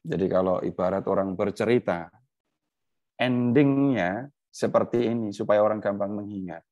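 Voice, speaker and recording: A man's voice: on the low side, normal speed, darkish tone, dry recording. A man teaching a conversational Bible lesson, chatty, asking rhetorical questions and chuckling. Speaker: Bible study speaker. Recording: dull, dry lo-fi recording.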